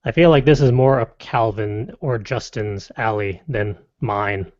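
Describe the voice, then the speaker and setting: A man's voice: fairly low pitch, darkish tone. Man, podcast host, casual chat, wry asides, muffled lo-fi audio. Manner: wry, reads lists briskly with playful asides. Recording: dull lo-fi dry podcast audio.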